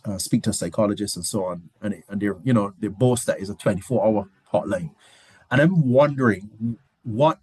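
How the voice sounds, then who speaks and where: A man's voice: fairly low pitch, a little mellow, breathy edge, dry recording. A man giving a conversational business presentation, restarting phrases and adding rhetorical asides. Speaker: guest lecturer.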